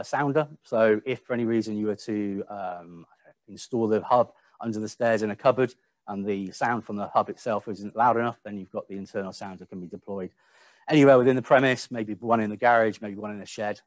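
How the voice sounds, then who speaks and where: With a lowish voice captured in a dry recording, a man delivers a webinar-style product presentation, hesitating a little and occasionally repeating words.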